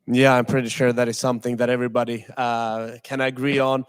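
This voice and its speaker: Moderating a streamed student panel, this young man from Finland speaks fairly quickly in a clear, resonant mid-range voice with a level tone. He comes across as hesitant, with many filler sounds.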